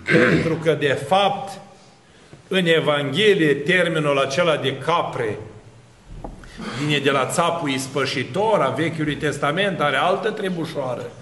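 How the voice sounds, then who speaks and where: High-voiced preacher man in an echoey room. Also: a little hiss or hum. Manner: lively preacher with rhetorical questions and long lists. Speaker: Orthodox priest. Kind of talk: sermon.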